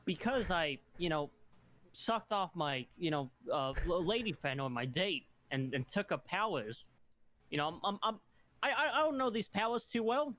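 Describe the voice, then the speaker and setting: Male gamer, very high, sharp voice, hesitant and stammering casual chat with repeated words. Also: expressive, moderate pace, dry recording. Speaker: tabletop game player.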